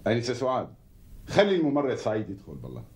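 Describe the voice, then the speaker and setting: An actor playing a jovial, effusive middle-aged lawyer who speaks with a Syrian Arabic accent in a TV sitcom. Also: male voice, mid-range voice, huge pitch swings, racing, darkish tone, slightly rough, full character voice. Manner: effusive, teasing. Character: jovial middle-aged male lawyer, warm family friend. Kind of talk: TV sitcom acting.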